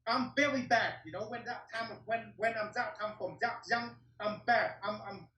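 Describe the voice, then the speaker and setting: A Vietnamese martial arts instructor in middle age gives an interview about his story in blunt, broken English, cursing often, with a high voice at a moderate pace. The sound is lo-fi, echoing in the room from a distant microphone.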